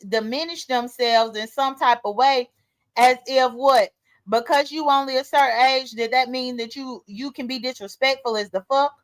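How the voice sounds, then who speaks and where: High-voiced blunt woman in her thirties. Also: fairly bright tone, low-quality recording. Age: 30s. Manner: emphatic, blunt, talks straight to viewers. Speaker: vlogger. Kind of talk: casual commentary monologue.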